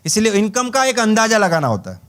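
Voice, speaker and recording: A man's voice: sits high, sing-song, brisk, fairly bright tone. A man giving a humorous network marketing training talk, telling stories with acted-out dialogue and chuckles.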